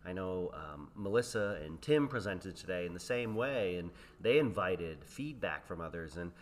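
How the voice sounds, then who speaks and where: A man's voice: low-pitched, animated, moderate pace. A man, an educator, talking casually and reflectively with colleagues at a conference. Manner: reflective, then jokey and laughing. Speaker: educator, podcast guest. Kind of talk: casual chat. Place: conference venue.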